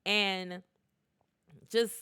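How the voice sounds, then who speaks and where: Speaking very slowly in a clean, mid-range voice, a YouTuber recaps a TV show with studio-quality sound and no echo. She animatedly retells scenes and acts out quotes, often using fillers and starting over.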